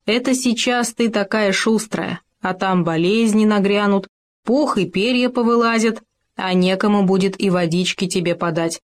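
A woman's voice: mid-range voice, fairly even intonation, normal speed, natural voice. Woman doing a male hamster, bossy, preachy, scolding, storybook. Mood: lecturing.

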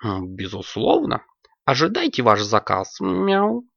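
A courtly café cat speaks slowly, humming before each offer, as a storyteller puts him on. His tone is raised and a little gravelly. It sounds dull and dry, like a lo-fi audiobook. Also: mid-range voice, wildly swooping pitch, fairly bright tone, no echo, heavily acted. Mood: courteous.

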